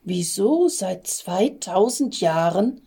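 A woman's voice: medium pitch, animated, takes it slowly, creaky, mellow, slightly rough, exaggerated voice. A woman voicing an anxious, tender-hearted young male angel in a storybook reading, with a fretful, pleading manner. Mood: puzzled.

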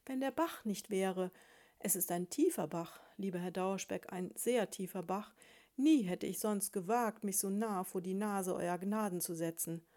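A woman's voice: mid-range voice, measured pace, warm tone, close to an everyday voice. A woman voicing a poor, hungry little female mouse who pleads and wails her laments. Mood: pleading. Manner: wailing, pleading, sobbing lament. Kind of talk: audiobook character voice.

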